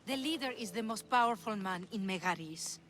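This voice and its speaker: A woman's voice: mid-range voice, animated, brisk, fairly bright tone, natural voice. Woman acting Odessa, bold glory-hungry young woman. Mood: determined, hopeful. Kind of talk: video game cutscene dialogue. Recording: game music behind the voice.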